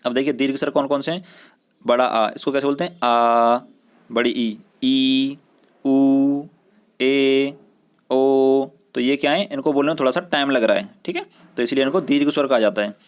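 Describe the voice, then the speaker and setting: Male school teacher, mid-pitched voice, patient, repeats and drawls out sounds for pupils. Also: fast talker. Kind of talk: recorded classroom grammar lesson.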